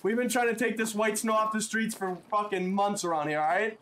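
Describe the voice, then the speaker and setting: A man with a high, light voice plays a police captain over in-game voice chat, barking orders with mock-stern cop bravado. A faint hiss sits under his voice. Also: fairly even intonation, fairly quick, a bit bright. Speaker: streamer playing a police captain. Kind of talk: in-game voice chat role-play.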